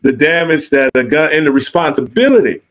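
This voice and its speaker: A man's voice: fairly high pitch, lively intonation, fairly quick, fairly bright tone, poor audio. A man with a Southern US accent co-hosting a podcast, telling a story in an easygoing, affirming way. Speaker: podcast co-host. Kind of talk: casual podcast chat.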